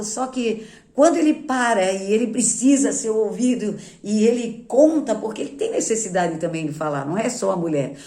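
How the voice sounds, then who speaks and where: A woman pastor, speaking at a mid pitch with a calm, measured delivery. She keeps checking in with her listeners through short tag questions. The recording carries a noticeable echo, as if made in a bare room. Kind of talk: teaching on marriage.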